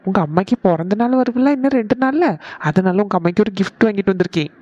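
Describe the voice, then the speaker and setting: A performer voicing an easygoing father who speaks gently to his wife and daughters. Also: medium pitch, animated, fast, no room sound, dull audio, lightly acted. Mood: calm.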